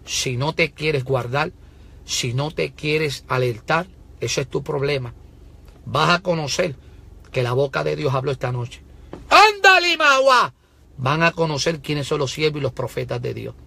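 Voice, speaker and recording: A man's voice: medium pitch, moderate pace, vocal fry, slightly rough. A man preaching a prophetic sermon, fervent, repeatedly urging listeners to listen and breaking into tongues. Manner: bursts into shouted tongues.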